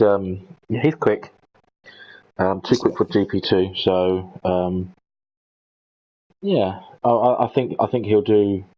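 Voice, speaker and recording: A man co-commentating an online racing league, hesitant and full of ums and restarts. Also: lowish voice. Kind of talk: casual esports race commentary. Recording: dull lo-fi stream audio.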